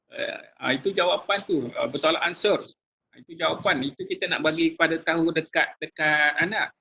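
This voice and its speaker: A male religious teacher giving a lecture to a class, lively and acting out sample phrases in changing tones, addressing listeners warmly with frequent religious phrases. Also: on the high side, normal speed, creaky, long pauses, a little hiss or hum, poor audio.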